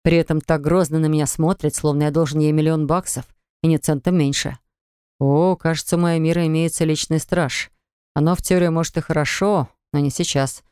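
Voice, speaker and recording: A woman's voice: deep voice, fairly even intonation, brisk, mellow, clean tone, dry recording. A woman narrating a first-person audiobook in a wry, conversational manner, recorded in a studio.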